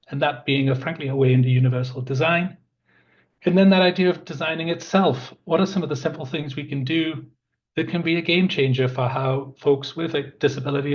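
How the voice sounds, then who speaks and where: A park planning manager in his fifties presents a webinar, talking earnestly and conversationally with many fillers. His croaky voice sits on the high side, and the audio is dull and lo-fi.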